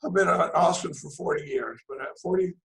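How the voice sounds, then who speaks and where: Joining an AA meeting by video from a room at home, the gravelly sixty-something Texan from Dallas tells a rambling, joke-filled story peppered with "you know" and "I mean." His voice is high, brisk and fairly bright. The room is echoey and the recording is low quality.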